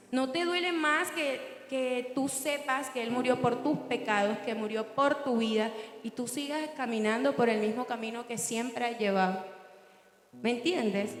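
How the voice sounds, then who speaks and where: A woman preaching a sermon in an earnest, conversational way and asking the listeners questions. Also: on the high side. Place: church hall. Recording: echoey church hall with long reverb. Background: music.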